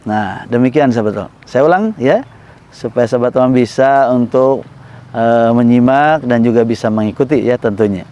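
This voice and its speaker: A man teaching Quran recitation melodies, explaining slowly and patiently and chanting sung examples. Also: medium pitch, dark tone, lo-fi sound. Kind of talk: recitation tutorial.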